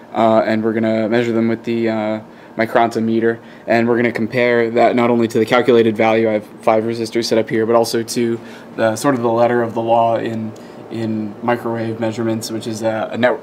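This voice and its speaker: A man with a mid-range voice presents an electronics demonstration at an indoor workbench, explaining the technical details informally and hands-on. His delivery is unscripted, hesitant and methodical. The camera microphone sits behind the camera, and there is a little hiss or hum.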